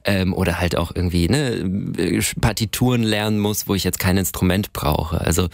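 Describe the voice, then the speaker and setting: Low-voiced man, hesitant and halting. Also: creaky, no echo, studio quality. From Germany. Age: young adult. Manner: hesitant, many fillers and restarts. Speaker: guest, conductor and composer. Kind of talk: casual interview chat.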